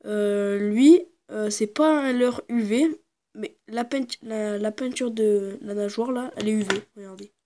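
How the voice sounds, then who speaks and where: A woman casually presenting her fishing lures to the camera, hesitant and full of fillers, sometimes dropping into quiet asides. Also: mid-range voice, a little slow. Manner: hesitant, constant fillers and "voilà"; drops into quiet muttered asides. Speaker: fishing video maker.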